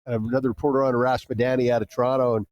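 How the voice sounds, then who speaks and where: A man's voice: mid-range voice, little pitch movement, very fast, darkish tone, no room sound, highs cut off. A man hosting a live sports podcast, prompting his guest with questions. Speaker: podcast host. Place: live event at a dinner.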